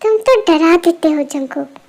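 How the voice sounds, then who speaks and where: A woman's voice: extremely high pitch, animated, a little slow, darkish tone, exaggerated voice. A woman voicing a worried, affectionate middle-aged mother in an amateur fan dub, with an anxious, motherly manner.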